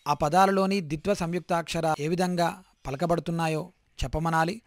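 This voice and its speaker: A man reading out a Telugu school lesson plan in a measured, list-like way. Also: on the high side, steady tone, dry recording. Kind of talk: read-aloud lesson plan.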